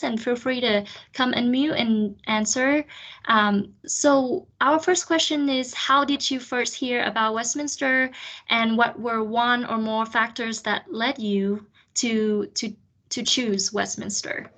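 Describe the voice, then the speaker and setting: A woman's voice: a little high, a little slow, sharp tone. A woman hosting an online student panel, explaining things chattily with many fillers. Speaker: panel facilitator. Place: video call.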